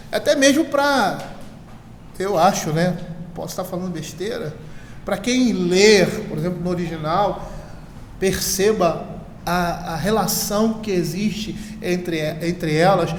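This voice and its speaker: High-voiced Brazilian pastor in a reverberant church. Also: male voice. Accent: Brazilian Portuguese. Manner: conversational teaching, frequent tag questions. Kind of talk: expository sermon. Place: church sanctuary. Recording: echoey hall with long reverb, faint hiss.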